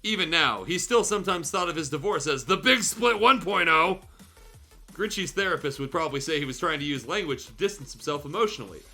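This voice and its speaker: Backed by music, a livestream guest host gives a theatrical, funny reading of fan fiction, with crude, irreverent asides. His pitch is fairly high, his intonation lively, and his brisk delivery bright and forceful.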